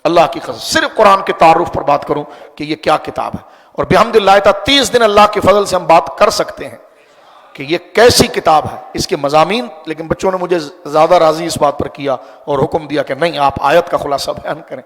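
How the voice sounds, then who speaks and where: A man's voice: fairly high pitch, a bit bright, big-room sound. A man, an Islamic scholar, giving a sermon that explains scripture and asks his listeners rhetorical questions.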